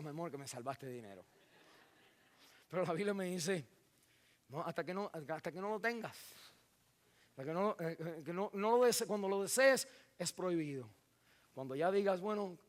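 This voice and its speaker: A man preaching a sermon in a church, acting out scenes with sudden shouts and dropping in English words. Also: high-pitched. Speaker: pastor.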